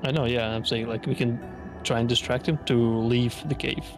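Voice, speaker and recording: A man's voice: medium pitch, steady tone, moderate pace. A man talking casually as a player in a tabletop game. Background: background music.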